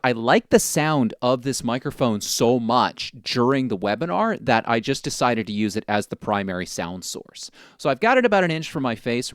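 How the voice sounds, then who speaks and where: A man gives a casual, hands-on gear demonstration. His medium-pitched voice moves with very animated intonation as he explains things informally, like a presenter walking through a test. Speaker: presenter testing microphones. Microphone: test microphones at varying distances, clip-on and shotgun.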